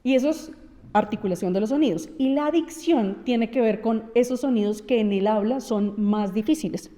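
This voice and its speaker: A woman's voice: on the high side, moderate pace, dark tone. A woman, a speech therapist, explaining voice and articulation in an interview, laying out her points one by one and acting out examples. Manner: didactic, counts points, acts out examples. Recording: reverberant room.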